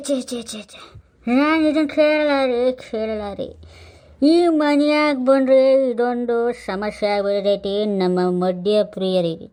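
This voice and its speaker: Give me a tipsy middle-aged village loudmouth, as a woman plays him in a comic skit, his words slurred and drawn out, boastful and rambling. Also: medium pitch, lightly acted. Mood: slurred, maudlin.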